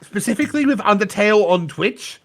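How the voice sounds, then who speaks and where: A man's voice: high voice, lively intonation, fairly quick, fairly bright tone. A man chatting casually on a stream, rambling and swearing freely.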